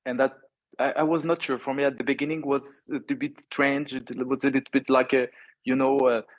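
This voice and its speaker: This is a man whose first language is French, speaking as a guest on a panel. His pitch sits mid-range. He talks thoughtfully and pauses to find words, and the recording sounds dull and lo-fi. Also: little pitch movement. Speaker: diplomat, cultural director.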